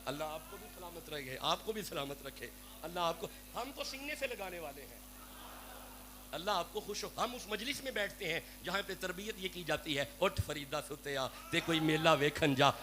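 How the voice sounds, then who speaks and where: A Pakistani Sufi preacher with a Punjabi accent and a high, animated voice delivers a devotional sermon to a gathering. He speaks fervently and pleadingly, addressing his listeners directly, in a noisy live recording with hum.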